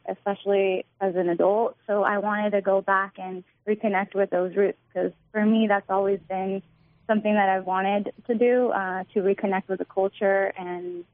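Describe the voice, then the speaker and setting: A young woman in her twenties from Northern California answers interview questions as a guest, sounding earnest and friendly. Her voice is mid-range and the recording is dry. It comes through a tinny phone line.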